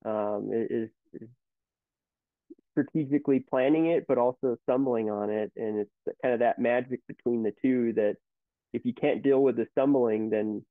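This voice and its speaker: A man's voice: mid-range voice, fairly even intonation, moderate pace, no room sound. Ceo guy in his 30s on a tinny dry video call, rambling stories. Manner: rambling, storytelling with many restarts. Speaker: company CEO, guest. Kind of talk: casual interview talk. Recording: tinny phone-like line, dry.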